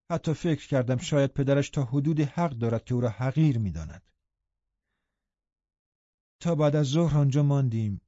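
A man narrating a novel as an audiobook in a steady storytelling read. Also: medium pitch, dry recording, lo-fi sound. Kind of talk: scripted narration.

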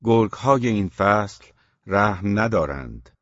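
Man reading as chilled weary male traveler, anxious, terse pleading questions, low voice, slightly dull recording. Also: expressive, a bit bright, dry recording.

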